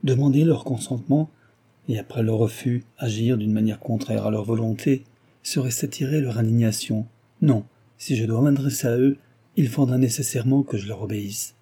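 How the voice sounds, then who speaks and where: A man's voice: medium pitch, moderate pace, mellow, breathy edge, natural voice. A man voicing an ardent, passionate young suitor in an audiobook, pleading with energy. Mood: impassioned. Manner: impassioned, pleading.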